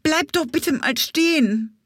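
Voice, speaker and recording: A curious young boy gasps out eager questions while hurrying along, as a woman voices him for a children's audiobook. The voice is a bit husky and the recording is dry. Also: medium pitch, very animated, a little slow, no room sound, exaggerated voice. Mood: breathless. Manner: breathless, eager.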